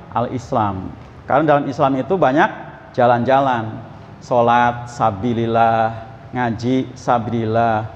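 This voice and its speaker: A man teaching Quran exegesis at a mosque, questioning his listeners and reciting Arabic verses slowly. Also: medium pitch, a little hiss or hum. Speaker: ustadz giving Quran exegesis. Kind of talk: mosque study sermon. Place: mosque hall. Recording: muffled, echoey mosque hall.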